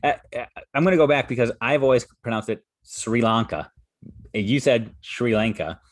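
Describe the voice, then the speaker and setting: A man's voice: mid-range voice, moderate pace. A man hosting a podcast interview, enthusiastic and joking, often repeating words as he goes. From United States. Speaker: podcast host. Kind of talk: casual interview chat.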